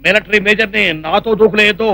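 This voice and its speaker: A man's voice: sits high, fairly even intonation, fast, vocal fry, pushed and bright, heavily acted. A man playing a pompous former army man who coaches a team, barking orders. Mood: commanding. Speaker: sports coach. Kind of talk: comic film dialogue.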